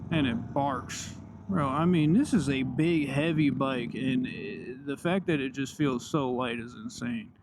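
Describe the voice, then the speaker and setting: A man talks casually as he rides a motorcycle, in a medium-pitched voice. His commentary is slangy and enthusiastic yet laid-back. Loud engine and riding noise runs heavily through the outdoor recording. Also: a little slow. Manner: talking while riding a motorcycle. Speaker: motorcycle vlogger.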